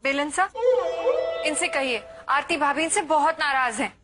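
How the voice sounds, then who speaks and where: An actress playing a sister-in-law who prods the others to speak up. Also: female voice, high-pitched, moderate pace, music in the background, natural voice. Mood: prodding.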